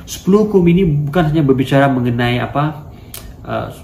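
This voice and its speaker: A man's voice: mid-range voice, a little fast, gravelly, a little mellow. A male pastor preaching a sermon to his congregation in a church hall. He asks emphatic rhetorical questions and slips into English phrases. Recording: echoey room with faint background noise.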